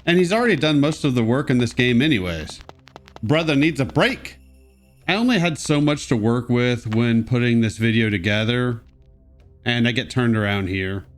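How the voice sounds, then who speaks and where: A man's voice: medium pitch, expressive, moderate pace, faint music behind. Casual guy narrating his let's play. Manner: wry, joking asides. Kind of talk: casual game commentary.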